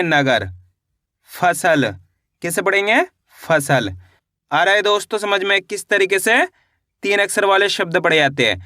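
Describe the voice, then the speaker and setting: A man's voice: sits high, bright, forceful tone, no room sound, clean studio sound. A man teaching children to read, sounding out each letter one by one and then blending them into a word, patient and repeating his questions. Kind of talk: slow phonics lesson. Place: voice-over for a video lesson.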